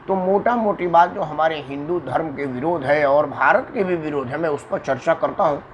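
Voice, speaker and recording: A political commentator from Uttar Pradesh, India, delivers a long monologue to camera at normal speed, his voice a little high for a man. He's emphatic and repetitive, hammering points home with dramatic shifts in intonation. The recording is muffled, with faint background noise.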